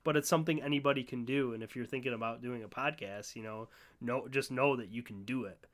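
A young man co-hosting a podcast in relaxed chat, rambling with lots of "like" and "you know" and casual swearing. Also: medium pitch, fast talker. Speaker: podcast co-host.

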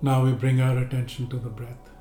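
A man guiding a seated relaxation and breathing meditation, giving slow, calm, gentle instructions with long pauses. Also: mid-range voice. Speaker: meditation guide. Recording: roomy echo with faint music.

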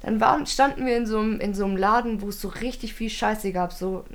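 A woman's voice: medium pitch, fast talker. A young woman, animatedly telling a funny, embarrassing story in casual chat, laughing often.

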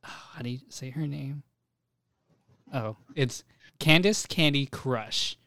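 A man's voice: mid-range voice, slow pace, gravelly, bright, forceful tone. A man co-hosting a podcast in casual chat, laid-back and swearing freely as he reads names off a list. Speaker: podcast co-host.

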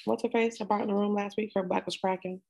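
A woman with an American accent and a husky, mid-range voice. She co-hosts a podcast in a casual, conversational way, readily chiming in and agreeing. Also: medium pitch, steady tone, fast, a little mellow, dull audio. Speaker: podcast co-host. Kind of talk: casual chat.

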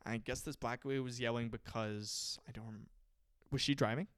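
A man's voice: medium pitch, steady tone, moderate pace, dry recording, studio quality. A young man co-hosting a comedy podcast, telling family stories in loose, teasing banter with casual swearing. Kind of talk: casual storytelling chat.

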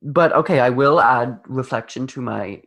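A man co-hosting a podcast in casual pop-culture chat, talking in a sassy, expressive way. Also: normal speed. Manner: expressive and sassy, with big swoops up in pitch. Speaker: podcast co-host.

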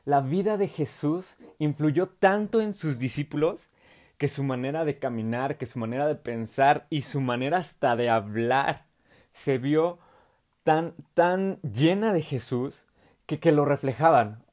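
A young man with a Mexican Spanish accent giving a casual, slangy youth sermon, animated and quick to laugh. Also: a little high. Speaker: youth preacher.

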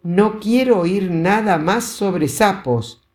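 A storyteller voicing a stern, disgusted mother giving sharp orders. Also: medium pitch, sing-song, measured pace, pitched above the performer's own voice. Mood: angry. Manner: sharp, commanding.

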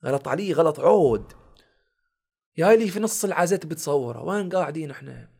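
As a podcast guest, a young Bahraini comedian and content creator relaxes into telling personal stories, acting out what the people he met said. He uses a village dialect and speaks quickly in a slightly raised voice that leans high, with vocal fry and a breathy edge.

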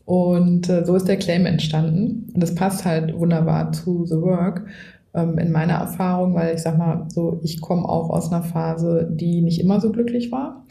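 A woman's voice: fairly low pitch, fairly even intonation, normal speed, vocal fry, warm tone, roomy sound. A woman coach, a guest in a podcast interview, who explains at length and often adds a tag question. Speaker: coach and trainer.

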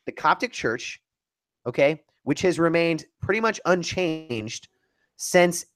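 A man's voice: fairly high pitch, lively intonation, takes it slowly, fairly bright tone. A man co-hosting a podcast, debating heatedly in a casual, emphatic way and often restarting his sentences. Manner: emphatic, argumentative, restarts mid-thought.

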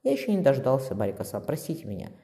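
A man reading an audiobook voices a kind, earnest young man of twenty-one, speaking gently and reassuringly. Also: mid-range voice, sing-song, rapid-fire. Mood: gentle. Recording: long reverb.

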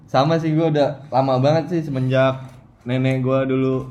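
A man's voice: mid-range voice, steady tone, normal speed, warm tone, highs cut off. A man hosting a casual chat among friends, talking in colloquial Jakarta-style slang. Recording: echoey room, faint noise.

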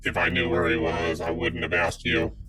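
A man playing a grim former gangster runner in a tabletop role-play, speaking in a clipped, deadpan way. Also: deep voice, moderate pace, music in the background, close to an everyday voice. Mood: terse. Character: grim male ex-mobster rigger with robotic voice.

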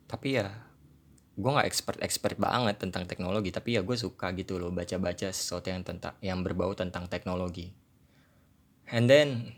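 A man in his twenties with a South Jakarta accent tinged with Javanese, chatting casually in a solo podcast in self-deprecating, rambling Jakarta slang sprinkled with English. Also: low-pitched. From Indonesia, South Jakarta. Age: 20s. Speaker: podcast host.

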